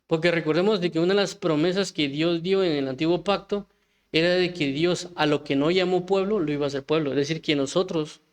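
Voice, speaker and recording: A man's voice: on the high side, brisk. A man preaching an informal sermon, talking conversationally with frequent restarts and rhetorical questions.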